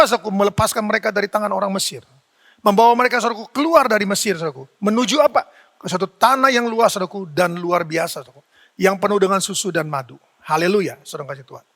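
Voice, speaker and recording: A male pastor delivers a fervent church sermon, driving on at a rapid clip. His voice sits high and carries a gravelly rasp. Every phrase rings out into a long hall reverb. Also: a bit bright. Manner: fervent preaching, repeating the address to the listeners.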